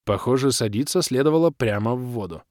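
A man reads a fantasy audiobook in the first person, with a medium pitch and a very lively, animated melody. The recording is dry and close, with no room sound. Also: a little fast, no echo. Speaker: audiobook narrator.

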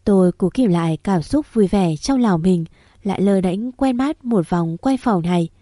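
A woman narrating a first-person story in a steady, even way. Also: medium pitch, moderate pace, no echo, studio quality.

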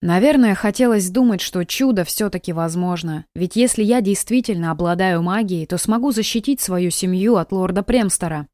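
A woman narrating a first-person audiobook in a lively, expressive way, close to a studio mic. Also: mid-range voice, moderate pace, hardly any pauses, no echo.

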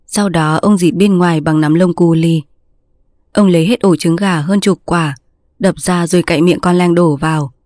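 A woman narrating a story in a steady, measured reading style. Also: lowish voice, no echo.

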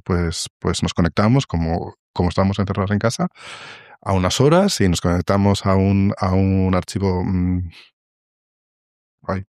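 A man answering interview questions, often restarting and filling pauses as he explains. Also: deep voice, a little mellow, dry recording, studio quality. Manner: hesitant, many restarts and fillers. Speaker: guest, song translation author. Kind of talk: interview conversation.

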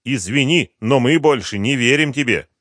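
A man voicing a scheming, mocking older general who smirks, taunts and speaks hoarsely. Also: medium pitch, expressive, moderate pace, fairly bright tone, no room sound, clean studio sound, voice pushed up.

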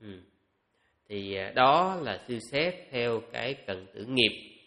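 Male monk, bright forceful tone, measured dharma-talk answer. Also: medium pitch, expressive. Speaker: Buddhist monk.

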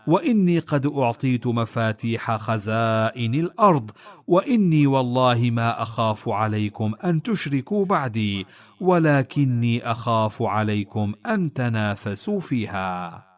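A man reading religious narrations aloud in a formal, measured, solemn recitation. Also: mid-range voice, very animated. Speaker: reader of hadith texts.

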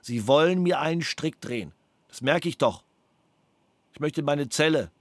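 On a police interrogation tape, a male suspect questioned by a prosecutor is agitated and defiant, repeating himself again and again. His voice is on the high side with lively intonation at a normal speed, and the sound is roomy.

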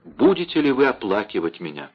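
A man's voice: on the low side, sing-song, a little fast, slightly rough, dull audio. A man playing an ardent devoted nobleman. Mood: tender. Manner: ardent, impassioned.

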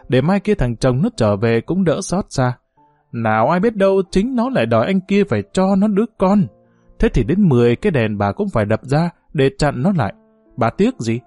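A man's voice: a little high, no echo. A man narrating a novel as an audiobook, telling it expressively. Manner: expressive storytelling.

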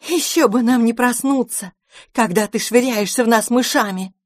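Woman doing high, grumbling storybook mermaids. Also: lively intonation, normal speed, darkish tone, no echo, clean studio sound. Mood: demanding. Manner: high, demanding complaints. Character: several bossy, greedy mermaids, grumpy and cheeky.

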